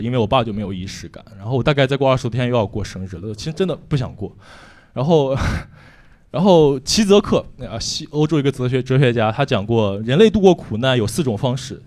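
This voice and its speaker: A man's voice: medium pitch, a little mellow. A young man from Shanxi doing a frank, rambling, self-mocking stand-up set with lots of fillers. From Shanxi, China. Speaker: stand-up comedian.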